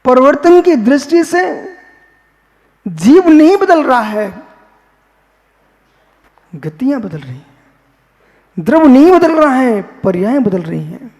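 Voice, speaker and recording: A man, a Jain monk, giving a philosophical sermon, posing questions and answering them himself, repeating phrases slowly. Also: extremely high pitch, very animated, a little mellow, in a large hall.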